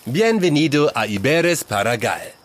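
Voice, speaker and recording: A man's voice: fairly high pitch, very animated, moderate pace. An actor playing a friendly, hospitable plantation owner in an audio play, who welcomes his guests and explains things patiently. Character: friendly adult male orange plantation owner.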